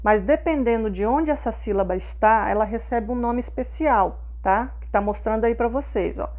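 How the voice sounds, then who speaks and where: A woman's voice: a little high, normal speed, darkish tone. Patient Brazilian woman teacher. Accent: Brazilian Portuguese. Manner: patient, checks in with "tá?" and "né?". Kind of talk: explaining schoolwork.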